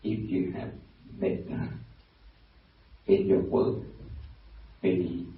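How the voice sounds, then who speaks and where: A man with a Burmese accent, a Buddhist monk giving a dharma talk, pausing and restarting often as he searches for words. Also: deep voice, little pitch movement. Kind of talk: dharma talk to a lay audience. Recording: very echoey hall, distant mic, dull lo-fi sound.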